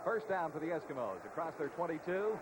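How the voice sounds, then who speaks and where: High-pitched male football play-by-play announcer. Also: big pitch swings, brisk, noisy background. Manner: clipped, factual calls. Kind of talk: TV football commentary. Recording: old TV broadcast, loud background sound.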